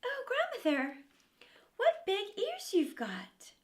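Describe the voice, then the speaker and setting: A sweet, innocent little storybook girl, played by a woman. Her voice sits high and lilts up and down with great animation. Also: huge pitch swings, slow pace, full character voice. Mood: puzzled.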